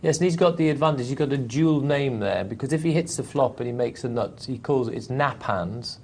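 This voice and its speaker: A mid-pitched man adding eager, earnest remarks to live poker commentary. He plays along with his partner's jokes. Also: animated, a little fast, a little mellow, husky.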